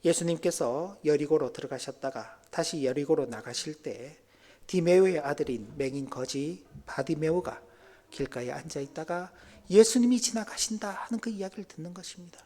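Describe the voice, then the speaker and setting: A male pastor preaching a sermon, dropping to near-whispers and then rising to loud, exclaiming passages. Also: a little high, normal speed.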